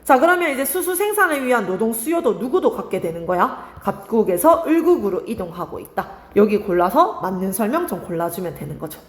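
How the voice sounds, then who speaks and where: A woman's voice: medium pitch, sing-song, fairly quick, few pauses, echoey room. A young woman teaching an exam-prep lesson, asking her students questions and answering them herself. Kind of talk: online exam-prep lecture.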